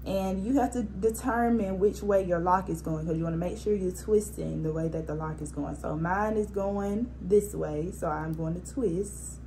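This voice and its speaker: A woman with a lowish voice hosts a hair tutorial, recorded on a phone propped against a spray bottle. Relaxed and instructive, she talks through each step as her hands work, at a moderate pace with few pauses. There's slight background noise.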